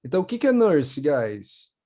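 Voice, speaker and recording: Young Brazilian man, patient English teacher on a video call, mellow and unhurried. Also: fairly high pitch, big pitch swings. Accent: Brazilian Portuguese. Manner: patient, repeats words slowly for pronunciation. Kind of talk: online class for children.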